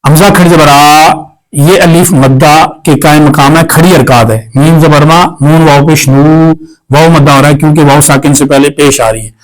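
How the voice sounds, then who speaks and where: A man with a Pakistani Urdu accent teaching Quran recitation, spelling out each letter and drawing out syllables slowly, then explaining rules at a brisk pace. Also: a little high, fairly even intonation, poor audio.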